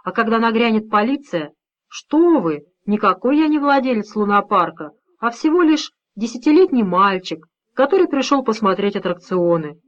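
A woman voicing a middle-aged father who stays calm and firm, speaking steadily with quiet menace. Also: a little high, moderate pace, dull audio, close to an everyday voice.

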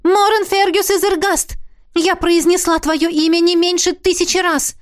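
Brief: a woman playing an impulsive young necromancer heroine for an audiobook. Raised pitch, emphatic and quick-tempered. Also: little pitch movement. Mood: insistent. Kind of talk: audiobook character reading.

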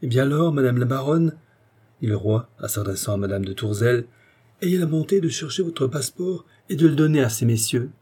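Male reader as composed king, formal delivery, husky low voice. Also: expressive, dark tone. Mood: measured. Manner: measured, formal. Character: dignified male king, calm and commanding.

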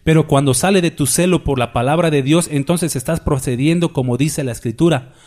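A man preaching with a fairly high-pitched voice. He is emphatic and keeps asking his congregation rhetorical questions. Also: brisk, darkish tone. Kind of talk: sermon.

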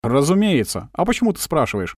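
A man's voice: fairly high pitch, very animated, a little fast, dry recording, voice pushed up. A man voicing a confident, wry adult male agent who teases his partner in a dry way. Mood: confident teasing. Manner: dry teasing, self-assured.

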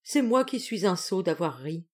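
A woman's voice: fairly low pitch, lively intonation, moderate pace, a little mellow. A woman voicing a loyal, devoted former soldier who answers his master politely in an audiobook. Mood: respectful. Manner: respectful, polite.

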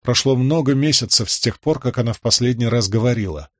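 A man reading fantasy fiction aloud in steady, measured audiobook narration. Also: medium pitch, dry recording, clean studio sound. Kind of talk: scripted narration.

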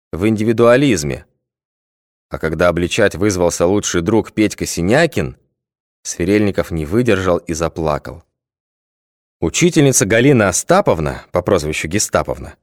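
A man narrating an audiobook in a measured, literary reading. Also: sits low, dry recording, studio quality. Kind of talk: scripted narration.

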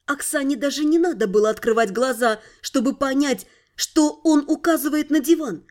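High-voiced woman narrating an audiobook. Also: normal speed, darkish tone. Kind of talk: scripted narration.

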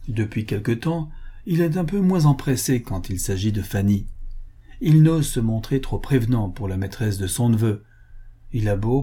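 A man reading a novel aloud as scripted narration, in a measured, even way. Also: mid-range voice, slightly rough. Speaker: audiobook narrator.

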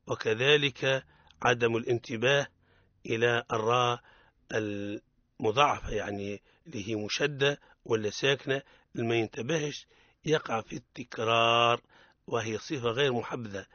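A man with a Tunisian accent teaching Quran recitation on the radio, explaining rules and chanting verses slowly for learners to repeat. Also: medium pitch, fairly bright tone, no room sound, dull audio. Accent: Tunisian Arabic.

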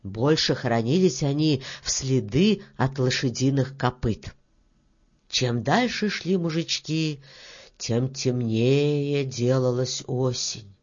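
A woman narrating a fairy tale for an audiobook in an expressive, storytelling manner. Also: a bass voice, slow pace. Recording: dull lo-fi audiobook recording.

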